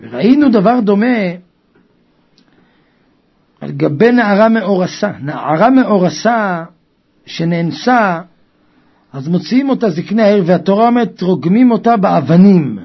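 A man preaching a Torah sermon with passion, swinging from quiet talk to loud cries. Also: high-pitched, animated, pauses often, breathy edge. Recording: dull lo-fi recording.

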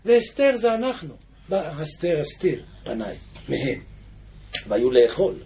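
A man from Israel preaching a fervent sermon, swinging between fervent shouting and hushed asides. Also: a little high, very animated, creaky. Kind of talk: impassioned Torah sermon.

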